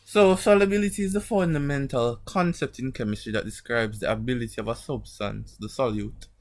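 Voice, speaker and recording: A man gives an informal online lecture as a teacher. His speech is a little muffled, as if his mouth is sore, and he keeps a mid-pitched voice. He regularly stops to check understanding with short tag questions. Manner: didactic, frequent check-in tags like "right?" and "okay?". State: sore mouth from an emerging wisdom tooth. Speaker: chemistry teacher. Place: online class over screen share.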